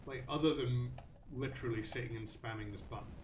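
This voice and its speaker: A man's voice: mid-range voice, a little fast, echoey room, recorded from a distance, slight background noise. A man hosting a live stream, thinking aloud about a game with many ums and restarts. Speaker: host.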